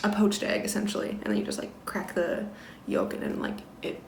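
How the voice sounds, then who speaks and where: A woman's voice: mid-range voice, level tone, a little fast, darkish tone, slight background noise. Chatty young woman in an echoey room. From United States. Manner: chatty, many fillers, drops to a near whisper at times. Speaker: vlogger. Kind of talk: casual storytelling.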